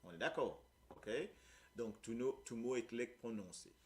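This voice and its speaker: A man's voice: medium pitch, unhurried, soft background music. A man with a Mauritian accent teaching a Creole lesson, explaining patiently and often checking that his listeners follow. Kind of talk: live language lesson.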